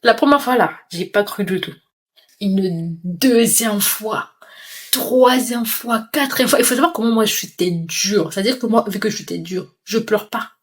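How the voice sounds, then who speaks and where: A young woman from Comoros and Mayotte in her twenties, telling a lively storytime vlog and acting out crying and pleading. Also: mid-range voice, measured pace, husky. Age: 20s. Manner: animated retelling, mimes crying and pleading. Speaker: vlogger.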